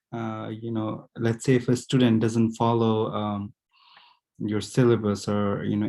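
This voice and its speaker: A prospective student asking a question on a video call, hesitant and full of fillers. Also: male voice, lowish voice, gravelly, mellow.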